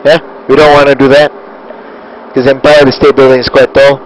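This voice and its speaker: A man coaching live as a flight simulator instructor, giving short, calm, encouraging step-by-step instructions. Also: medium pitch, moderate pace, rough recording. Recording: steady cockpit-like background noise.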